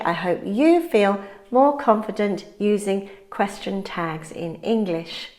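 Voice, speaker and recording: A woman teaching an English grammar lesson in a slow, clear, deliberate way. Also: medium pitch.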